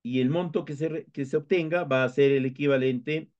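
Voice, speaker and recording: A man's voice: a little high, fairly quick, darkish tone. A man with a Peruvian Spanish accent teaching a lecture, explaining step by step with frequent hesitations and restarts. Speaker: instructor. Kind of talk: recorded lecture. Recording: dull lo-fi lecture recording.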